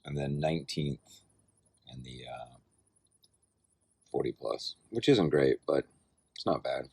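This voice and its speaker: A man's voice: rumbling low, takes it slowly, creaky, a little mellow, husky, no room sound. A tired, sore man in his forties, rambling in a laid-back, self-deprecating way as he records a casual outdoor video diary. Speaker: vlogger and amateur cyclocross racer.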